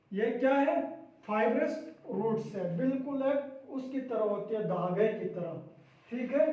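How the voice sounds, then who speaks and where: A man teaches a class, firing the same questions again and again and echoing each answer back. He sounds far from the mic, in a very echoey room with a dull, lo-fi sound. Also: very high-pitched. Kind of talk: classroom lesson.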